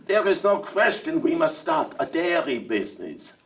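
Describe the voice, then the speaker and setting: A garrulous older dairyman, fresh off the boat from Russia,in a stage monologue. His fairly high voice leaps up and down as he jokes, stumbles over his words and fires questions back. It carries from a distance, as if heard across a theater stage. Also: very animated, normal speed. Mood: chatty. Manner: talkative, joking, stammers and asks back. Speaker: stage actor in a one-man show.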